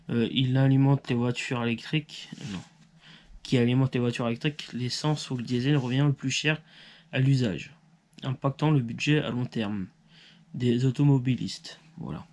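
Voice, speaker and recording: A man's voice: mid-range voice, darkish tone. Man, channel host, informal explainer, hesitant, many fillers and restarts. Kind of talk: informal educational talk, partly read.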